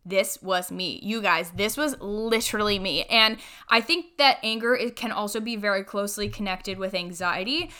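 A woman's voice: medium pitch, moderate pace, bright, forceful tone, clear, resonant tone. A young woman in her twenties hosting a solo podcast as a coach, talking candidly in a chatty way with lots of "like" fillers.

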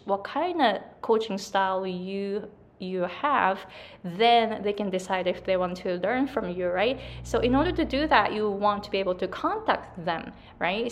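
A woman with a mid-range voice and a Japanese accent, a native Japanese speaker working as an English coach, gives chatty business advice to camera. She often checks in with "right?", repeats "like", and corrects herself as she goes.

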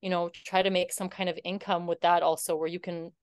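A woman's voice: on the low side, level tone, a little fast, clear, resonant tone, no echo. A woman guest in her thirties telling her story in a casual interview, earnest and heartfelt, with many fillers. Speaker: podcast guest.

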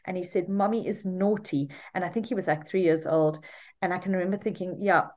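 A middle-aged woman, a mother of three, co-hosting a casual podcast in an animated, reflective way that often repeats words. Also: fairly low pitch, quick pace. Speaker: podcast co-host.

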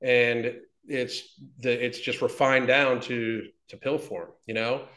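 A man in his fifties who owns a fitness business speaks as a guest in a casual interview, recorded in an echoey room. His mid-range voice is slow, pushed and bright, with little pitch movement. He talks bluntly, swears a lot and rambles with frequent restarts.

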